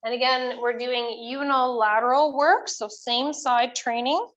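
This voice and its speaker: A woman's voice: a little high, steady tone, a little slow, a bit bright, low-quality recording. A woman coaching a workout as an aerobics instructor, cueing moves and counts in an encouraging, instructional way. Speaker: fitness instructor leading a workout.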